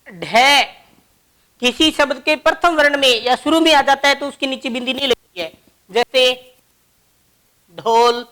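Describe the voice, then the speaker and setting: A woman's voice: high voice, sharp tone. A woman teaching a grammar lesson, explaining each example word by word.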